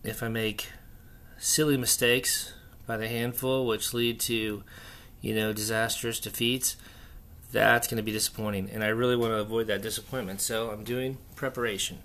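Flat-pitched man chatting in an echoey bunker room. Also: moderate pace. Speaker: podcast host. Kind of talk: casual solo hobby chat, unscripted. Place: echoey indoor room under renovation, torn-out walls.

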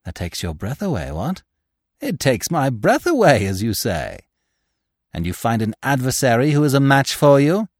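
A man reading the lines of a cool, sarcastic gentleman thief. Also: medium pitch, dry recording, studio quality, pitched above the performer's own voice, full character voice.

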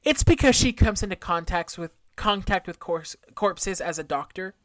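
A woman's voice: fairly low pitch, animated, normal speed, no echo. A woman hosting a podcast, telling a true-crime story from notes in a conversational way, with casual asides and some trouble pronouncing her Rs. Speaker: podcast host.

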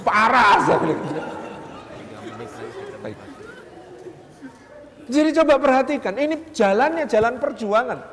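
A man preaching a humorous mosque lecture, telling stories lively and acting out the people in them. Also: very high voice, a little slow, long pauses, a faint crowd. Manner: lively storytelling, acts out quotes, jokes. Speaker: Islamic preacher. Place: large mosque hall. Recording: reverberant hall, faint ambience.

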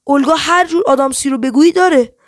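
A woman's voice: high-pitched, dry recording, studio quality, close to an everyday voice. A woman reading the lines of a firm, stubborn young private detective who presses for answers. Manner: firm and insistent.

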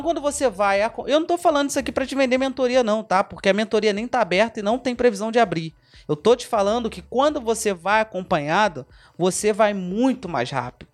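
A Brazilian man hosting a motivational podcast, emphatic and repetitive, speaking straight to the listener as a mentor. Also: sits high. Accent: Brazilian Portuguese.

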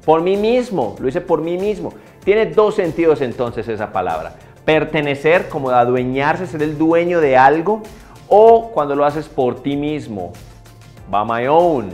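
A man's voice: on the high side, expressive, darkish tone, faint music behind. Upbeat man teaching English. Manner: upbeat, repeats words slowly for learners. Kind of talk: casual video lesson.

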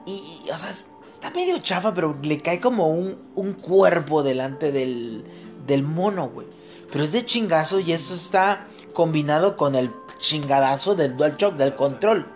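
A man, hosting a podcast and telling an anecdote in a slangy, animated way. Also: normal speed, faint music behind. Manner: slangy, animated, shifts into high squeals when quoting others. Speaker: podcast host. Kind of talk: casual storytelling chat.

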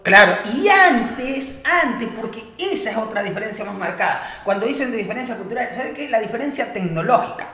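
A man's voice: high voice, big pitch swings, brisk, few pauses, sharp tone. Man with an Argentine accent blended with Venezuelan, rambling storyteller, casual co-host, echoey room. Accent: Argentine with a Venezuelan mix. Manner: rambling storyteller with many restarts. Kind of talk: casual chat.

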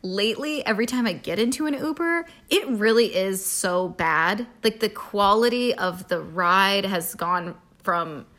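A woman's voice: mid-range voice, measured pace, few pauses. A woman co-hosting a podcast in casual chat, laughing easily and telling stories with energy. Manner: laughs easily, lively storyteller. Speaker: podcast co-host.

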